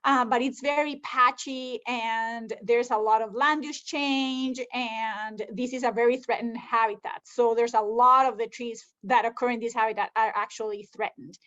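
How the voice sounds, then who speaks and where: Woman, fairly high voice, earnest and explanatory, dull lo-fi call audio. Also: fairly even intonation, moderate pace, hardly any pauses, fairly bright tone. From Costa Rica. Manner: earnest, explanatory, with frequent ums. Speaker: conservation scientist guest. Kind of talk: interview answers.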